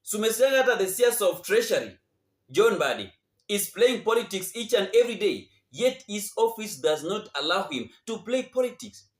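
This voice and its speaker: Male Kenyan political commentator, high-pitched, indignant and repetitive, roomy echo. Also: very animated, normal speed. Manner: indignant, rhetorical questioning, repetitive. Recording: echoey untreated room.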